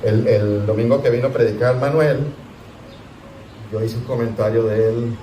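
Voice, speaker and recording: A man, a pastor, teaching a Sunday school class in a conversational, animated way, asking his listeners rhetorical questions. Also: medium pitch, moderate pace, a little hiss or hum. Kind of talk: sermon teaching. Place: church hall. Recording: echoey church room, distant mic.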